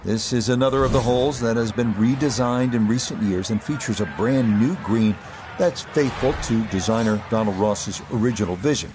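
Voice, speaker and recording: A man giving measured, descriptive play-by-play as a golf commentator on a tournament broadcast. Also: mid-range voice, background noise. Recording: loud crowd and outdoor ambience behind.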